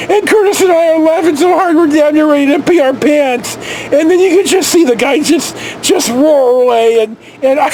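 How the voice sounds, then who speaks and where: Here a storyteller, a middle-aged man with an American accent and a very high voice, reminisces animatedly and profanely in a casual, wandering style. The indoor recording is rough, with a little hiss or hum, captured by a camera held at arm's length.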